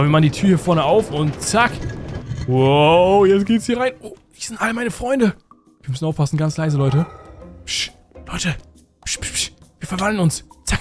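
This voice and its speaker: A man hosting a Minecraft role-play let's play, talking excitedly and constantly to his viewers. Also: a little high. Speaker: host.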